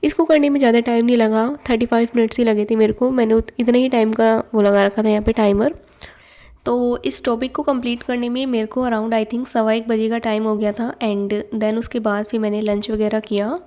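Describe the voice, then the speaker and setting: Young female vlogger, casual chatty narration, fairly high voice with a warm mellow timbre. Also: fairly even intonation, a little fast. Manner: chatty, loose Hindi-English mix with fillers. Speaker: exam aspirant vlogger. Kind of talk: casual study vlog narration. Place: at home.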